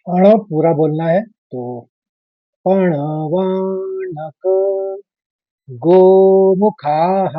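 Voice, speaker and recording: A man gives a slow recitation lesson, stretching out each chanted syllable before dropping into quiet explanation. His voice sits high for a man and comes across dry, with a dull lo-fi sound. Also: husky, dry recording. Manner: chants verse lines drawn out, then explains softly. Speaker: Sanskrit recitation teacher. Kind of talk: slow verse-by-verse pronunciation lesson.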